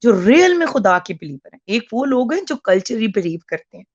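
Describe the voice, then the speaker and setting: A woman's voice: on the high side, very animated, a little fast, no room sound, highs cut off. Woman in her forties, heard over a call. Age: 40s. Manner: hesitant, with many fillers and restarts. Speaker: caller. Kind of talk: earnest call-in testimony.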